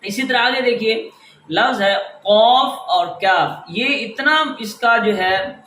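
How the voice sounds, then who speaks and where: A man's voice: sits high, bright, forceful tone, roomy sound, a little hiss or hum, poor audio. A man teaching a Quran reading class, patiently explaining step by step and repeating key words. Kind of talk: instructional lesson.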